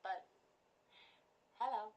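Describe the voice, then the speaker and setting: A woman co-hosting a casual podcast, giving polished, measured, neatly phrased replies. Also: lo-fi sound, a little hiss or hum. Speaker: podcast co-host.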